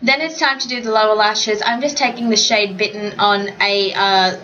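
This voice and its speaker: A woman's voice: mid-range voice, fairly even intonation, normal speed, bright, forceful tone, lo-fi sound. Chatty young woman, makeup voiceover. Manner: chatty, slightly tongue-tied. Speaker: beauty vlogger. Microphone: home voiceover mic.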